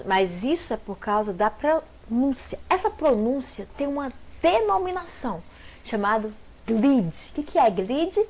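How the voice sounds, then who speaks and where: A woman teacher giving a grammar lesson, sounding out words syllable by syllable and asking rhetorical questions. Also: on the high side. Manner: slow, deliberate syllable-by-syllable explanations with rhetorical questions.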